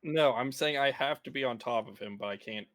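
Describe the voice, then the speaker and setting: A man's voice: medium pitch, a little fast, fairly bright tone. A man playing in a tabletop game, speaking hesitantly with stammers. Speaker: player. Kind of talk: tabletop role-play.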